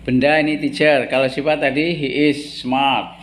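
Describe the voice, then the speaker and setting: A man teaches English to a class. He speaks at an ordinary middle pitch, explains slowly and repeats key words. He keeps turning to his students with questions. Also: flat delivery, slight background noise. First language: Indonesian.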